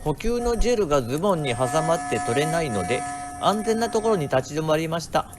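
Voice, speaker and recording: A man's voice: on the high side, big pitch swings, brisk, over music. A man narrating his own vlog as a scripted voice-over. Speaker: vlogger narrating own marathon video.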